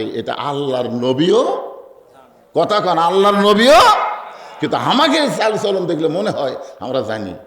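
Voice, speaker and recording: A male preacher with a Bangladeshi Bengali accent delivering an emotional sermon, telling a story and swinging between loud cries and hushed quoted lines. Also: medium pitch, roomy sound.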